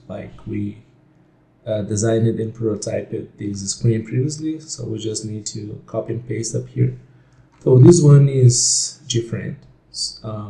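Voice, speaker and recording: Slow and gravel-toned, this deep-voiced man, whose first language is Portuguese, talks through a software tutorial while sharing his screen. He's laid-back, filling gaps and correcting himself as he thinks, with audible echo from the room.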